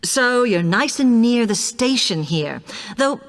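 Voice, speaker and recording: A woman's voice: a little high, animated, slow pace. A British woman playing a polite, helpful university accommodation officer giving an orderly scripted talk to students. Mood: polite, informative. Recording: long reverberant hall sound.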